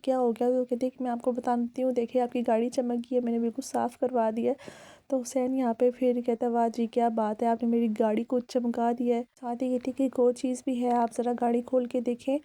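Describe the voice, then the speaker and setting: Woman narrator, casual vlog recap, retells scenes and quotes the people in them. Dark, mellow tone, fairly high but held close to one pitch, very dry close sound. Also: dry recording. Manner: chatty retelling with quoted dialogue.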